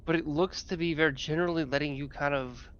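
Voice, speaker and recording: Guy running a tabletop game, kinda high voice, hesitant and halting, slightly muffled lo-fi audio. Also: fairly even intonation, fairly bright tone. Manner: hesitant, halting, self-correcting. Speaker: game master. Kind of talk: improvised tabletop game narration.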